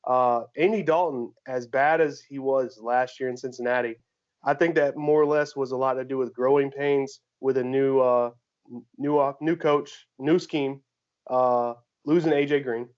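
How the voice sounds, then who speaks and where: A man co-hosting a sports podcast in easy, casual chat. He talks at a middling pitch, circles back over his words as he builds his argument, and the audio is dull and a bit lo-fi. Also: steady tone, moderate pace, a little mellow. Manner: laughs while making his case, rambling restarts.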